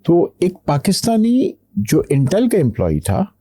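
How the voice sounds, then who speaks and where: A middle-aged man from Pakistan, a company CEO, answering interview questions slowly, pausing to think before he speaks. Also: a little high, wildly swooping pitch, warm tone, slightly rough, no room sound, studio quality. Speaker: guest, tech company CEO. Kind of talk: podcast interview.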